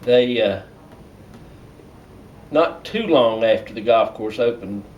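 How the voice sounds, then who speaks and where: A man's voice: mid-range voice, lively intonation, takes it slowly, dull audio. An older man with an Appalachian Southern accent, reminiscing casually in folksy, colloquial speech. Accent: Appalachian Southern American. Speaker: storyteller sharing family memories. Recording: distant mic with clear background noise.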